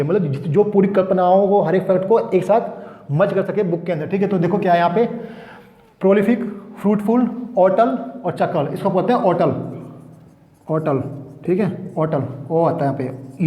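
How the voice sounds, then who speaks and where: A man's voice: high-pitched, echoey room, big-room sound, muffled recording. A man with an Indian accent teaching English vocabulary in a casual classroom way, with lots of fillers and restarts. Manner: casual explaining, frequent "ठीक है" fillers and restarts. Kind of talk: classroom lesson explaining words.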